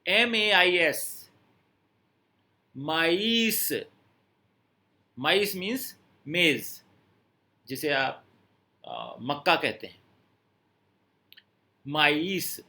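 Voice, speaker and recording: A man's voice: on the high side, sing-song, very slow, vocal fry, sharp tone. A man teaching a language lesson, explaining step by step and checking that students understand. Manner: explains step by step, repeats words and asks students if they understood. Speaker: French teacher.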